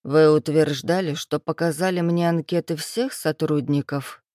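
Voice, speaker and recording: A woman reading a storybook, voicing a cold, menacing man who purrs low and then barks orders. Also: steady tone, moderate pace, a little mellow, dry recording, clean studio sound, close to an everyday voice. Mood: cold interrogating. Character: cold, menacing man, a powerful boss's right hand.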